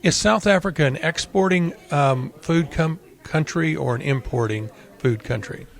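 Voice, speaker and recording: Creaky-voiced male radio interviewer. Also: on the high side, normal speed. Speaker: host, interviewer.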